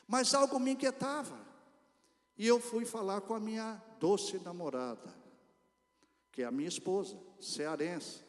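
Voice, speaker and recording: A man from Brazil with a Brazilian accent, preaching a storytelling sermon and speaking directly to the congregation in an animated way. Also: sits high, unhurried. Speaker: pastor. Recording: reverberant church hall.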